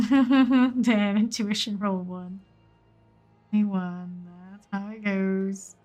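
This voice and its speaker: A woman's voice: mid-range voice, little pitch movement, takes it slowly, a little mellow, faint music behind. A woman giving casual live gameplay commentary, muttering in short clipped fragments as she thinks aloud. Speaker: game streamer.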